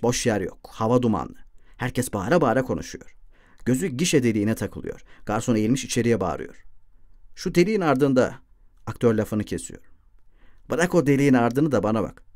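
A man narrates a literary novel in a measured, mid-pitched voice, nudging his tone up for quoted dialogue. The sound is close and dry, with no room around it. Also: darkish tone, no echo. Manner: reads dialogue in lightly shifted voices. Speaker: audiobook narrator. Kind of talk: literary audiobook reading.

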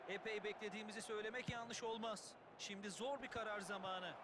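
A man's voice: high voice, steady tone, brisk. A man giving analytical football commentary, with opinions and rhetorical questions. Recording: noisy capture with background game sound.

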